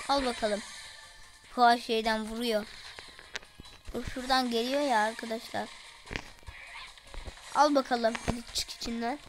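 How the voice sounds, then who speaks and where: A woman giving casual, excitable commentary on her gameplay and talking to her viewers. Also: a little high, background noise. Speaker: gaming streamer. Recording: music playing in the background.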